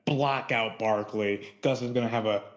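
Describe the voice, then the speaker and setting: A man's voice: on the low side, steady tone, normal speed. A man co-hosting a casual sports podcast, joking around and trash-talking the others. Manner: joking, teasing trash talk. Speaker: podcast co-host. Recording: dull lo-fi mic.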